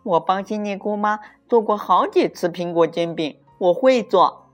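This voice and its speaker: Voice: medium pitch, very animated, slow pace, soft background music, voice pushed up. A storyteller voicing a bossy young girl rabbit who gives prim, commanding orders in the kitchen.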